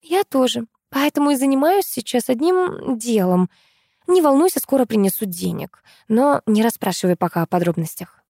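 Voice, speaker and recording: Feverish, secretive young woman in an audiobook, lifted and warm, as a woman reader plays her. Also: on the high side, big pitch swings, normal speed, dry recording, studio quality, pitched above the performer's own voice. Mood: evasive. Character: excited scheming young woman.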